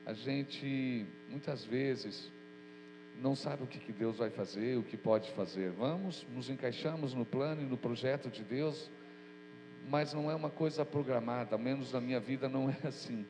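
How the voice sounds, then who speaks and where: A pastor gives a prayer and sermon at a moderate pace in a mid-range voice, made nasal and stuffy by a cold. He comes across as earnest and informal. The church hall recording is echoey, with mains hum.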